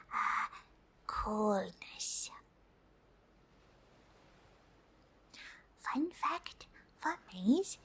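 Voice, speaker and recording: Playing a cute, friendly pink alien girl in an ASMR roleplay, a woman host uses a full character voice: a breathy, high, very slow whisper. Gently curious, she explains human summer tips in the third person with careful, scientific, slightly hesitant wording.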